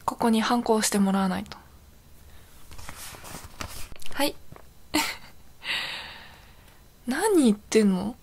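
A woman acts out a young girlfriend in an intimate audio role-play, with a fairly high voice. She is softly clingy and devoted, with a sweetness that feels eerily obsessive and possessive. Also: animated, a little slow, husky, heavily acted. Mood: insistent, possessive.

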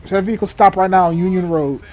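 The audio is dull, but this man's high, slightly mellow voice comes through fast and steady in tone. He's a gamer acting as a sheriff's deputy in a police patrol role-play, improvising radio call-outs of clipped jargon mixed with casual muttered asides. Game vehicle and ambient sounds sit in the background.

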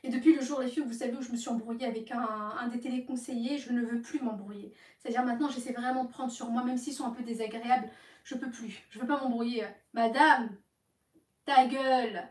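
High-voiced woman telling stories in a roomy echo. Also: fast talker. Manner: animated, acts out the other side of phone calls. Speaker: live streamer talking to her followers. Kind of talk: casual storytelling to viewers. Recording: echoey room, voice from some distance.

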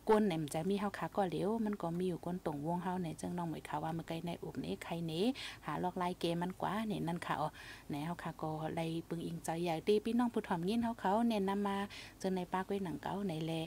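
A woman talks on a radio show in a low, creaky voice, reflective and advising. A faint hiss runs underneath her. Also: fast, dark tone. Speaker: radio host. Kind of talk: casual radio talk.

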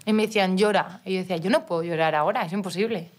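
A young professional footballer from Mallorca, Spain, guests on a podcast and tells a personal story in casual conversation, often restarting sentences and quoting dialogue. Her medium-pitched voice comes out rapid-fire.

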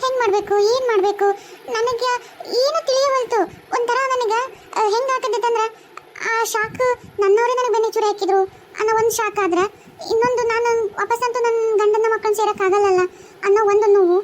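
A woman's voice: steady tone, a little hiss or hum. A woman voicing a grieving young ghost wife in a cartoon, pleading and wailing in a North Karnataka Kannada accent. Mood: distressed. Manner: very high, fast, pleading and wailing. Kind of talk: cartoon voice acting.

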